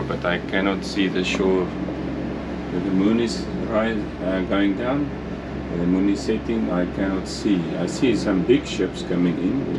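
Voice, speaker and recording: Chatty man filming on a sailboat. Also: sits low. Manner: chatty, unhurried, chuckles often. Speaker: sailing vlogger. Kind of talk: casual vlog narration. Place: outdoors on a sailing catamaran. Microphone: action camera held at arm's length. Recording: loud wind and engine noise. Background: wind, water and boat engine.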